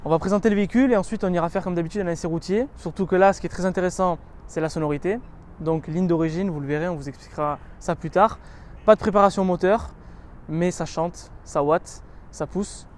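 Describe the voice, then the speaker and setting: A man with a fairly high voice walks around a car and presents it in a relaxed, chatty way. He lists feature after feature, linking them with fillers, and leans eagerly into the parts he likes. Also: quick pace. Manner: chatty and descriptive, listing features with many connecting "donc"s and "euh"s. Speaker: car reviewer. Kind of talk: casual walkaround presentation of a car.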